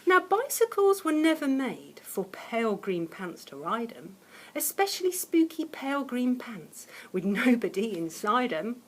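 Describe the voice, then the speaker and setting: Woman, children's story read-aloud, slow unhurried pace, lively intonation, dramatic teacherly delivery. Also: a little high, slight background noise. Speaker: primary school teacher reading a story to children. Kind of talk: expressive children's picture-book read-aloud.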